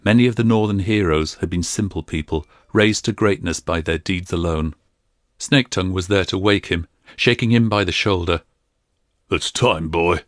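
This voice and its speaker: A man narrating a fantasy audiobook in a steady, even storytelling manner. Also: low voice, normal speed, no room sound, clean studio sound. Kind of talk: scripted narration.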